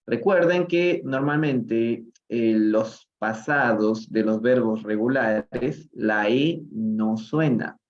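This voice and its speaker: Man, peruvian accent, english teacher, slow deliberate delivery, dull lo-fi livestream sound. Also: on the low side. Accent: Peruvian Spanish. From Peru. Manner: explains slowly, switching between English and Spanish, often asking "¿no?". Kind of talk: live-streamed reading lesson.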